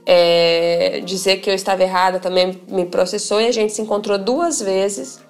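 A woman being interviewed about her book, telling her story in a lively way with many restarts and acted-out dialogue. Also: mid-range voice, normal speed, soft background music. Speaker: interview guest, author.

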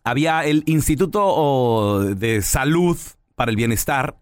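A man's voice: medium pitch, expressive, measured pace, smooth, no echo. A man with a Mexican accent hosting a casual radio show and explaining news stories at length to his co-hosts.

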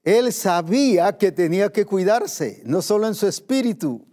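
A man preaching a sermon, emphatic, moving between raised and hushed delivery and slowing down to stress scripture. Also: high voice, expressive.

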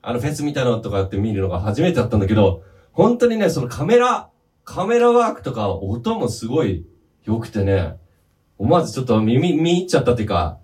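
A man with a Fukushima accent chatting on a comedic talk show, rough and teasing, calling people "omae" constantly. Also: mid-range voice, sing-song, fast talker, a little mellow, far from the mic. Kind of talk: casual comedic chat.

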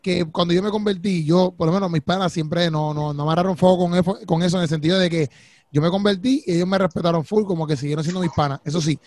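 Man, casual anecdotal chat, slangy, high voice, dry close sound. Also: steady tone, a little mellow, dry recording. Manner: slangy, quick anecdotal storytelling.

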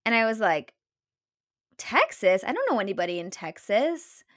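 A young woman, a podcast guest, retelling her story in a casual, animated way, acting out what others said, with many fillers. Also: mid-range voice, normal speed, no room sound, clean studio sound. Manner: animated retelling with many likes and quoted voices.

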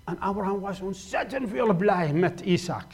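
A man from Iraq, preaching a sermon, swinging from loud exhortation to quiet pleading with repeated rhetorical questions. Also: sits high, expressive, moderate pace, slightly rough.

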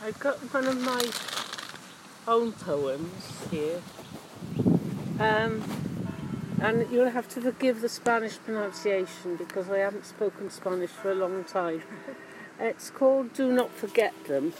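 A woman reads her own poem aloud at a slow, deliberate pace. She moves between her lines and occasional Spanish names and phrases. There is faint noise in the background. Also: medium pitch. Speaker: amateur poet reading own poem. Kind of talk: introducing and reading own poetry aloud.

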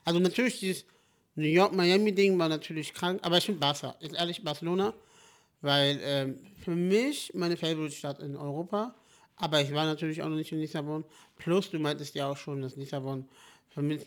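A young man co-hosting a casual podcast, talking in an animated, jokey, rambling way. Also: on the high side, brisk. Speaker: podcast co-host. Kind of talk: casual chat.

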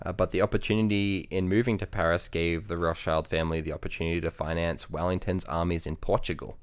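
Deep-voiced man telling a history story. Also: fast talker, smooth. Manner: relaxed, hesitant, many ums and restarts. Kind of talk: casual storytelling chat.

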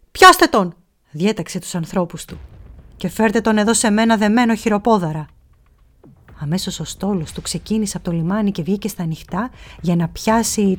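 A woman reading a children's pirate story aloud, expressive, dropping to a whisper at tense moments. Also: mid-range voice.

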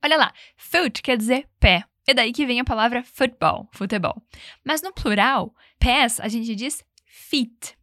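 A woman teaching English, explaining phrases and leading repetition drills, saying the English examples slowly and clearly. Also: fairly high pitch, bright, forceful tone, no room sound, clean studio sound. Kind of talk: language lesson with repetition drills.

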